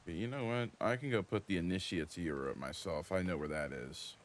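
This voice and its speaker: A man streaming a video game, talking casually in a profane, excitable, exasperated way. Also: low-pitched, brisk, a little hiss or hum. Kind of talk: casual gaming commentary.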